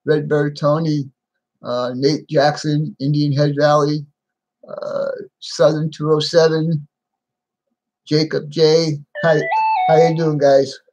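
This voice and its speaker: A man speaking without his teeth in a halting, plain-spoken way, repeating himself as he chats casually on a live stream. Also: on the high side, little pitch movement, darkish tone, poor audio. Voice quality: toothless, slightly slurred speech without dentures. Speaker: livestream host.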